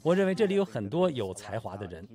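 A man's voice: medium pitch, very animated, quick pace, warm tone. A man giving an earnest first-person voice-over translation of an interviewee, recorded in a booth.

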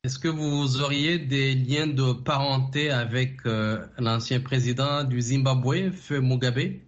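A man hosting a radio interview program, asking formal, measured questions with frequent pauses. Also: mid-range voice, muffled recording. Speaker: radio show host.

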